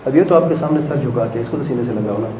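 Mellow-voiced man preaching in a roomy hall. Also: mid-range voice, dull audio, slight background noise. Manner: conversational, acting out family dialogues with rhetorical questions. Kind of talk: sermon on parenting.

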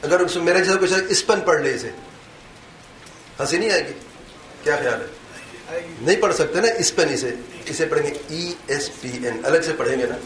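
An Islamic lecturer with a fairly bright, higher-side voice gives an interactive religious talk to a live audience in a lecture hall, quizzing and teasing them between long pauses. The hall is echoey, with faint room noise.

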